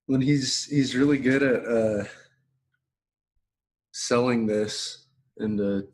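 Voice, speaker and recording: A man's voice: medium pitch, slow, a little mellow. A man in a casual podcast chat, speaking informally in a stop-and-start way.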